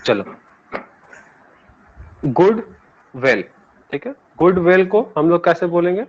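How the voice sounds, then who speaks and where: A man's voice: high voice, big pitch swings, takes it slowly, a little hiss or hum. A man with an Indian accent teaching an English grammar lesson to students. He explains patiently, switches between languages and asks the class for answers. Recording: dull lo-fi classroom recording.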